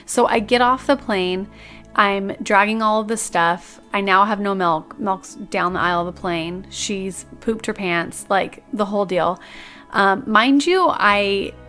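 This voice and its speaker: A woman's voice: medium pitch, fairly bright tone. A young woman hosting a podcast, telling a personal story in a casual, chatty way with lots of filler words. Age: young adult. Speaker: podcast host.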